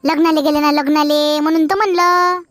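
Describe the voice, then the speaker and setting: A woman's voice: sits high, level tone, fairly quick, a bit bright, no room sound, studio quality. A woman with a Vidarbha Marathi accent playing a bold young village girl, teasing and scolding in a rural comedy sketch. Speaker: comedy actor.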